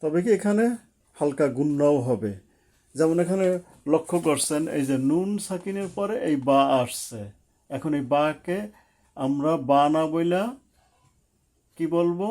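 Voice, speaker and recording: A man's voice: fairly high pitch, a little slow, long pauses, mellow. A man teaching a lesson at a board, explaining each rule step by step and repeating it.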